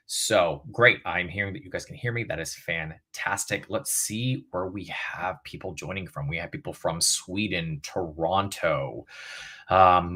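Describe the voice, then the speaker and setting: Deep-voiced chatty male coach. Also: fairly bright tone. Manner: chatty, upbeat, many fillers. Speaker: relationship coach. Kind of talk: casual livestream advice. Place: bedroom.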